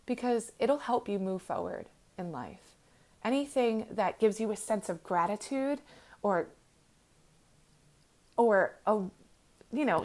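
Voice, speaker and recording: Young woman host, earnest, gentle, emotional motivational monologue with ums and restarts, close to tears. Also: fairly high pitch.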